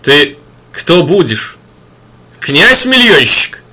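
A man's voice: a little high, sing-song, very slow, bright, forceful tone, husky, pitched above the performer's own voice, full character voice. A man voicing an old wandering holy man who speaks in a folksy, sermonising cadence.

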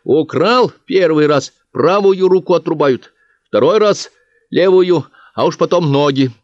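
Casting: young female village teacher, earnest and firm, voiced by a male reader, pitched up. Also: measured pace, no room sound, lightly acted. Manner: earnest, explaining. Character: young village schoolteacher, woman, tearful but firm. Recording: dry, slightly dull audiobook recording.

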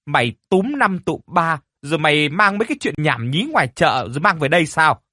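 A man's voice: a little high, big pitch swings, brisk, pushed and bright, no echo, clean studio sound, pitched above the performer's own voice, heavily acted. A man voicing a harsh older landowner's wife who screams and scolds her servants. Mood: furious shrieking.

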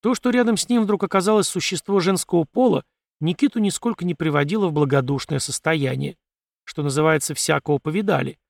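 A male audiobook narrator reads in a steady, even storytelling manner. His voice is gravelly and sits a little high for a man. The recording is close and dry, with no room sound at all. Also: a little fast, no echo. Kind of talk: scripted narration.

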